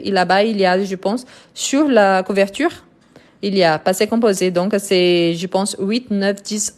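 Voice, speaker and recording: A woman with French and Brazilian roots teaching French grammar in a live online lesson, speaking slowly and deliberately with frequent fillers and restarts. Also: mid-range voice, darkish tone. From France and Brazil. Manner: slow, deliberate, explanatory with many fillers.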